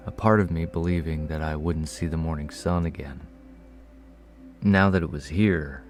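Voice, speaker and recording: A man reading a first-person horror story in a measured, low-key way. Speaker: narrator. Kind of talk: scripted horror story narration.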